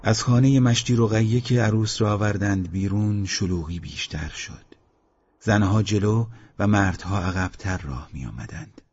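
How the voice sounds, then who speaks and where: A man reading a literary story aloud in a calm, measured way, in a dull lo-fi audiobook recording. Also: lowish voice, a little hiss or hum. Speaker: audiobook narrator. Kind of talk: scripted literary narration.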